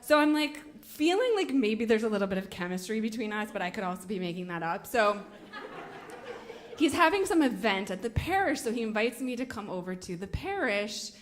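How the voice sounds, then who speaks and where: A woman telling a personal story to an audience, animated and full of "like", acting out her own thoughts. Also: on the high side, a little fast. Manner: animated, filler-heavy "like", acts out her own inner thoughts.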